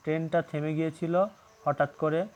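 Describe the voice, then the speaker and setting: A man's voice: a little high, little pitch movement. Man teaching English grammar. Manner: reads English lines slowly, then explains with rhetorical questions. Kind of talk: English grammar lesson in Bengali.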